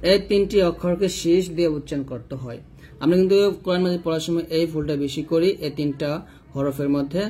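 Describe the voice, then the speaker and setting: A man's voice: on the high side, a little mellow, slight background noise. A man teaching Quran reading, chanting letter-by-letter spelling drills and drawing out the example sounds.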